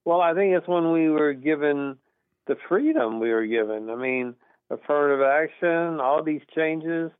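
Calling in to a talk radio program, a middle-aged Texan with a mid-range voice rambles in an earnest, emphatic way. His telephone audio is tinny and dry.

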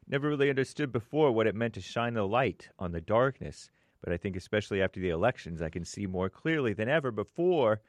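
Man, co-host, low voice, dry close sound, reading viewer messages aloud. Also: animated, fast talker, hardly any pauses, dry recording.

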